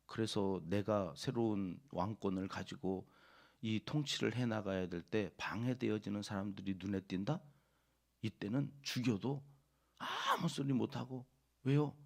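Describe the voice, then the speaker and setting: A middle-aged man preaching a dawn service sermon, swinging from low murmurs to loud emphatic cries and acting out voices in the story. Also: expressive, a little slow, vocal fry. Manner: acts out voices of God and the prophet. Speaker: pastor. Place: church sanctuary.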